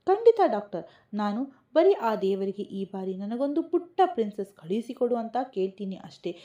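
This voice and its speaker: A woman's voice: medium pitch, sing-song, moderate pace, mellow, muffled recording, close to an everyday voice. A woman voicing a loving, emotional young husband and father in a storybook tale, speaking tenderly and eagerly.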